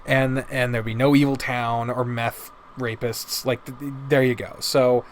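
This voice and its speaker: With a medium-pitched, flat voice and a measured pace, this man rambles through casual, opinionated takes as a visual novel review host, swearing a lot along the way. Background noise is noticeable in the recording.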